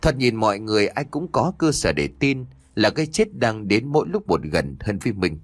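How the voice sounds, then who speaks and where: Expressive low-voiced male storyteller. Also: normal speed, dry recording. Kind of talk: scripted horror story narration.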